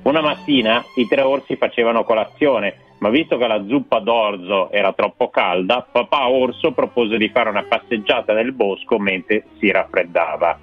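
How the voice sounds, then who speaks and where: A man reading a children's fairy tale aloud on a radio show, in a slow, expressive storyteller's manner. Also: lowish voice. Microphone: studio microphone. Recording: dry, tinny radio broadcast with faint music.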